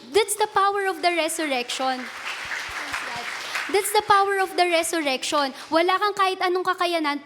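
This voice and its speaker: Woman preacher, Filipino accent, high voice, earnest, code-switching sermon. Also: fairly bright tone. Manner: earnest, switching between Tagalog and English; retells a personal story with laughs and self-corrections.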